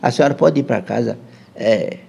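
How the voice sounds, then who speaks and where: A kindly German-born village priest reassures a worried mother calmly, as a man acts him out. His voice sounds dark and husky. He has a gravelly edge. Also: medium pitch, normal speed. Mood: reassuring. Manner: calm, reassuring.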